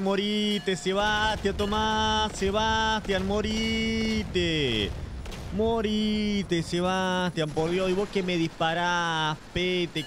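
A man with a Rioplatense Spanish accent giving excited live gameplay commentary, yelling and swearing in bursts. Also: on the high side, background noise. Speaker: gaming YouTuber.

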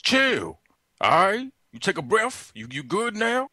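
A man's voice: high-pitched, wildly swooping pitch, a little slow, bright, forceful tone, no echo, studio quality, heavily acted. A man playing a brash, pushy young prank caller who talks in cajoling street slang. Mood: pushy, coaxing. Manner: slangy, cajoling, constantly saying "dog". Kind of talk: prank phone call.

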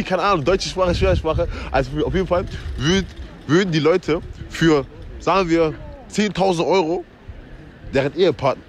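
A young man from western Germany hosting a street comedy interview outdoors on a shopping street, talking into a handheld mic in an energetic, rambling way full of slang and English phrases. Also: a little high. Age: young adult. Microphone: handheld microphone.

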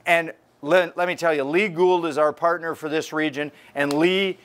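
An older man delivers a fishing report in a lively, conversational way. His voice sits a bit high for a man. He talks straight to the camera from inside a tackle store. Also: normal speed. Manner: energetic, gestures while talking to camera.

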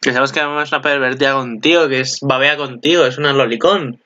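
A man with a Peninsular Spanish accent giving casual, excitable video commentary and swearing freely. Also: medium pitch, fast talker, dull audio. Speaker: anime commentator.

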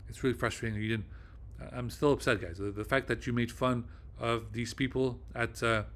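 A man's voice: medium pitch, steady tone, fairly quick, a bit bright. A man hosting his own video, talking off the cuff in a rambling, agitated way, with heavy fillers and swearing. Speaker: video host. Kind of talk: casual monologue.

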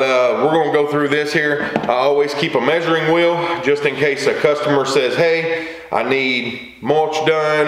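This is a lawn care video host, a middle-aged man with a medium-pitched, somewhat bright voice, talking viewers through the job in a relaxed, down-to-earth manner. He films in a compact workshop or garage with wooden shelving, where the sound echoes slightly over faint background hiss.

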